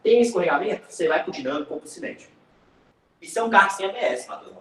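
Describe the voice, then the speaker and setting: Lively fast-talking male physics teacher. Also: high voice, roomy sound, far from the mic, poor audio. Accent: Brazilian Portuguese. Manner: lively, joking, addresses students by name. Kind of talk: online class lecture.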